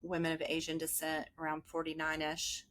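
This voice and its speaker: A woman in her late forties with a fairly low voice, chatting as a podcast guest. She talks in rambling stories and keeps stepping into asides before circling back. It is a relaxed, conversational delivery. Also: a little fast, crowd noise. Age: 40s. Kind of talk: casual podcast chat.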